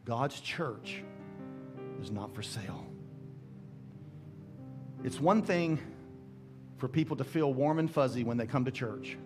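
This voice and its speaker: A middle-aged man pastor preaching a sermon on a large church stage through a headset mic, with emphatic rising calls and slow, drawn-out scripture readings. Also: mid-range voice, lively intonation. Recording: church sermon with music behind.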